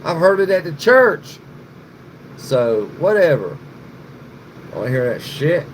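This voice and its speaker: On a poor-quality recording, a middle-aged man with a voice on the high side and big pitch swings takes his time as he hosts a casual livestream. He rambles, curses without restraint, and addresses chat viewers by name over noticeable background noise and an AC hum.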